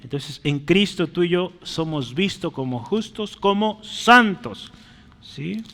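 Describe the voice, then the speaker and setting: A man preaching a teaching sermon, explaining words as he writes and asking the congregation along, rising loud on key phrases and dropping soft. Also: high-pitched, takes it slowly. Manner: lively, rises loudly on key phrases, then drops soft. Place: church hall. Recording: long reverb of a hall.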